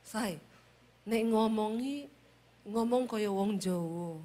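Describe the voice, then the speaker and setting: A woman voicing her gentle Javanese husband, who speaks slowly and quietly with falling sentence ends. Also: medium pitch, pitched below the performer's own voice. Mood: gently chiding. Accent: Javanese (Solo). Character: soft-spoken gentle Javanese husband, polite and mild.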